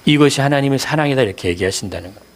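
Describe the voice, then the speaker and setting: A man's voice: medium pitch, expressive, very fast. A man preaching a Sunday sermon as pastor, asking the congregation questions, answering them himself and repeating key words for emphasis.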